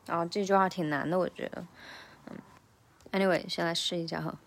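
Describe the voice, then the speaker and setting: A woman coaches English pronunciation in a relaxed, chatty way. Her voice sits a little low, and she takes her time, explaining each sound patiently. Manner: explains sounds slowly, repeats lines at slow speed. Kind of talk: casual pronunciation lesson.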